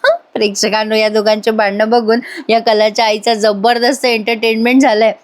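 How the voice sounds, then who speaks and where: A woman recounting a serial episode in a voice-over review, chatty and animated. She speaks to her viewers in a fairly high voice and laughs along at the scenes she describes. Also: a little fast.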